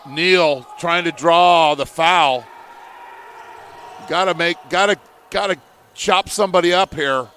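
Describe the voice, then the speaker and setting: A man calling a live college basketball game play by play, in measured, steady calls. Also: a little high, a little hiss or hum. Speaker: play-by-play commentator.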